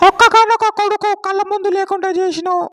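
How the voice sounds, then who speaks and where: A performer putting on a shrill scolding mother. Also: fairly even intonation, fast talker, a bit bright. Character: angry mother, middle-aged woman, fiercely protective of her only son. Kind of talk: comedy sketch.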